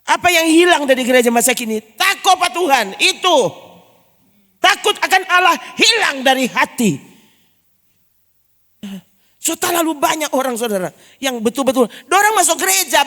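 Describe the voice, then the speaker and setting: A forceful woman pastor with a lilt, preaching in a church hall. She fires off rhetorical questions with emphasis, and her voice rings out with a long reverb tail. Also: high-pitched. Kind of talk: sermon.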